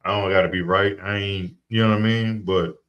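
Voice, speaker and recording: A man with a lowish voice co-hosts a casual podcast. He sounds skeptical and wry, and he muses aloud in slow, drawn-out stretches. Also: fairly even intonation, highs cut off. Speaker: podcast co-host. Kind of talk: casual chat.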